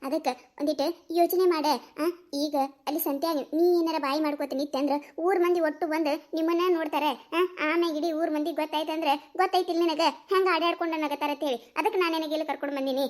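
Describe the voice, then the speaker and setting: High-pitched North Karnataka village woman. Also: fairly even intonation, quick pace, hardly any pauses. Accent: North Karnataka Kannada. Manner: plays several village women, scolding and wailing. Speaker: voice artist for village cartoon characters. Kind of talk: cartoon comedy voice acting.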